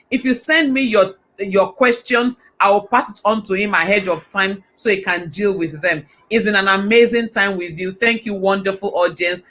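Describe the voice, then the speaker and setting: A woman's voice: medium pitch, a bit bright. A woman hosting a live online talk show, enthusiastic and affirming as she sums up and asks questions. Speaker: host.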